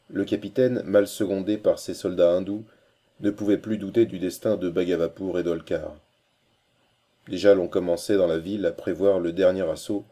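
A man reading a novel aloud as audiobook narrator, in a measured, steady storytelling way. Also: low voice.

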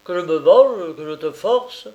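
A man's voice: fairly high pitch, expressive, normal speed, lo-fi sound, voice pushed up, natural voice. A man reading aloud as an insistent, hot-tempered young nobleman. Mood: forceful. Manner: forceful, pressing. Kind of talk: audiobook character reading.

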